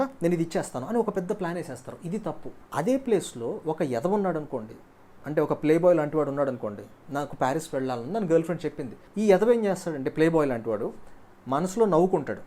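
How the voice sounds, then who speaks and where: A man giving casual relationship advice, animated and storytelling, acting out the people he quotes. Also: high-pitched.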